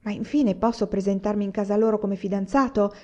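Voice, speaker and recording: A woman's voice: medium pitch, steady tone, a little fast, mellow, lightly acted. Woman reading as an impetuous young man in love. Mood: passionate. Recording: dull lo-fi recording.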